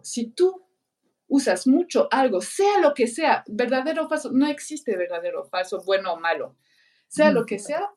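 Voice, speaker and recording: A woman's voice: sits high, distant mic. A middle-aged woman, chatting in a podcast and telling anecdotes, acting out what others said. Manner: animated storyteller, acts out quoted voices. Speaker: teacher and speaker on learning. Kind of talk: conversational podcast chat with anecdotes.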